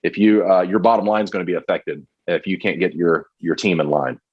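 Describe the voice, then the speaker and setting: A man's voice: deep voice, fairly even intonation, a little fast, breathy edge, dull audio. A man co-hosting a college football podcast, talking casually with lots of fillers and restarts. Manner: rambling, many fillers and restarts. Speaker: podcast co-host. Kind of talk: casual sports podcast chat.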